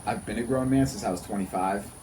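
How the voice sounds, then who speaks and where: A man in his thirties hosts a casual conversational podcast, talking earnestly and often repeating himself for emphasis. His voice is on the low side and quick-paced, with background noise audible.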